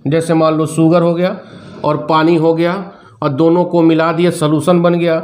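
Middle-aged male chemistry teacher, high-pitched, asks and answers his own questions. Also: flat delivery, moderate pace, darkish tone. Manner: repeats questions and answers them himself; mixes English terms into Hindi. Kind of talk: classroom lecture.

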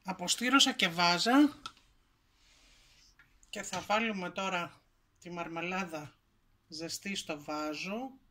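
A woman with a Greek accent hosting a home cooking video, calmly explaining each step in her kitchen. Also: fairly low pitch, long pauses, a little hiss or hum. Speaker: cooking show host.

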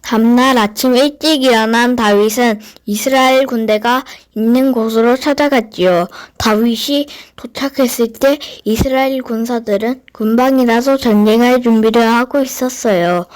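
Woman narrator, children's Bible story: higher-pitched voice, scripted storytelling delivery. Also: normal speed, hardly any pauses.

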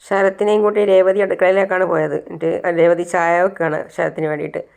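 A woman recounting a serial episode scene by scene, in an even, unfussy storytelling manner. Her voice sits slightly low for a woman. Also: quick pace, creaky. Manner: plain, step-by-step narration.

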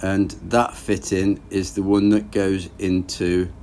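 A man's voice: deep voice, takes it slowly, slight background noise. A man in his thirties casually narrating his engine rebuild as he works in a garage, thinking aloud. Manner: relaxed, plain-spoken, thinking aloud while working. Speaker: boat engine rebuild vlogger.

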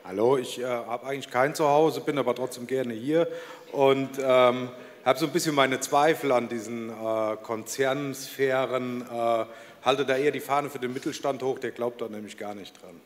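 A man's voice: mid-range voice, steady tone, normal speed. A man in his forties introducing himself on a conference panel with a handheld mic, wry and hesitant. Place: conference stage in a large hall. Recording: long reverb of event hall.

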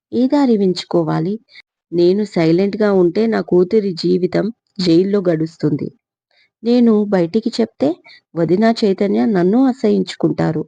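A woman's voice: medium pitch, creaky, warm tone, no echo. A woman voicing an anxious middle-aged mother, speaking in a frantic, pleading way. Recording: slightly dull lo-fi recording.

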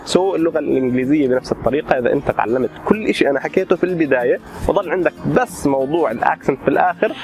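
A man, an architect vlogger, explains casually and drops English terms into his talk with lively everyday examples. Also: on the high side, rapid-fire, hardly any pauses, faint music behind. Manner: mixes English terms into Arabic.

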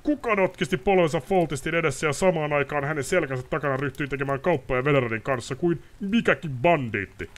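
A man reading aloud and voicing a furious, frightened nobleman in a high, loud, ranting voice. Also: few pauses, lightly acted. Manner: shouting, ranting, pleading. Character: furious panicking male nobleman.

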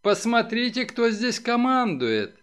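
A man's voice: sits high, big pitch swings, measured pace, fairly bright tone, full character voice. A man reading aloud and voicing a brutish young bully who jeers and snarls. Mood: mocking. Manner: jeering, snarling, swaggering.

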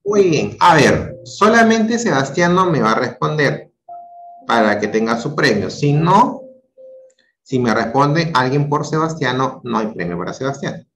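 Male teacher on a video call, slow and animated, patient and questioning, roomy echo. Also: mid-range voice, slight background noise. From Peru. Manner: patient, questioning, repeats words to check answers. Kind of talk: online class explanation.

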